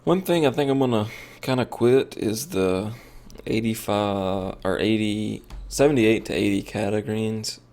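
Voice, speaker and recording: A man's voice: lowish voice, a little slow, few pauses, a little mellow. A tired man streaming a game, rambling and thinking aloud with lots of fillers as he comments casually.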